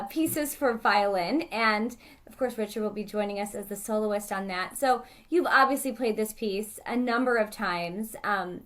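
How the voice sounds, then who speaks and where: A woman's voice: fairly high pitch, fairly bright tone. A woman hosting an interview in a chatty conversational way, with occasional fillers. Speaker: interviewer, orchestra director.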